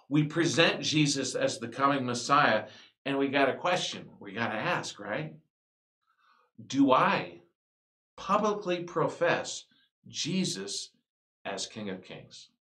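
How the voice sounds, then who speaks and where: Animated male preacher in an echoey church. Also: medium pitch, slow pace. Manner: animated preaching, rising to emphatic shouts. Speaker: pastor. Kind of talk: sermon.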